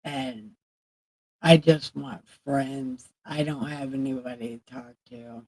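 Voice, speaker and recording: A woman's voice: rumbling low, big pitch swings, slow pace, creaky, darkish tone. A woman livestreamer in casual chat, talking candidly and with plenty of swearing to her viewers. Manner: candid, profane, chatting with viewers.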